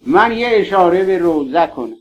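A man's voice: high voice, animated. A man preaching a mourning sermon, pleading with his listeners and calling them by affectionate names. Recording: dull lo-fi recording.

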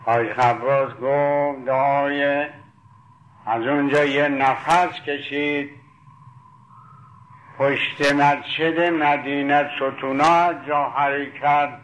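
A man's voice: medium pitch, a bit bright, slight background noise, rough recording. A man preaching a sermon, retelling stories with quoted dialogue and fondly addressing his listeners. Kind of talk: sermon storytelling.

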